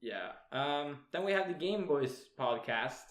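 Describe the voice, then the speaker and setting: With crowd noise in the background, this young male co-host with a Swedish accent banters casually, frequently laughing, swearing without a thought and hesitating with fillers. His pitch is fairly high and his intonation lively.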